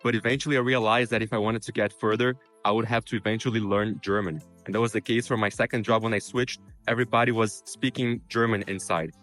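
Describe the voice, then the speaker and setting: A native Portuguese-speaking man from Brazil vlogs career tips to the camera, quick and informal, leaning on "you know" again and again. His fairly low voice is steady and fairly bright, and soft music plays in the background.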